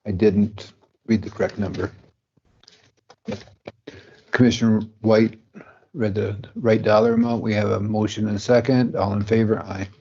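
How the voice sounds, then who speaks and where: A man chairing a county board meeting, moving briskly through motions and votes. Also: lowish voice, steady tone, warm tone, slightly rough. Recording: dull meeting room audio with faint noise.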